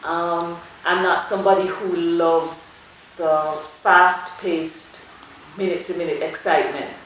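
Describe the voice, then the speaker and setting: A middle-aged woman from Jamaica, a dermatologist, answers interview questions in a low voice. She talks in a measured, thoughtful way, pausing on fillers. The recording sounds strongly echoey, with faint noise behind her. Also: steady tone, fairly bright tone. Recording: very echoey room with faint ambience.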